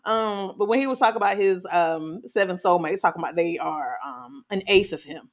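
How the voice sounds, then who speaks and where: A woman co-hosting a podcast in a casual chat, animated, often laughing and trailing off with ums. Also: medium pitch, brisk. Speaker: podcast co-host.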